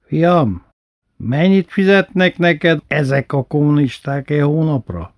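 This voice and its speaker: A man's voice: fairly high pitch, expressive, dry recording, studio quality, voice pushed up. A man voicing a stout, flashy older bandleader who talks brusquely and curses.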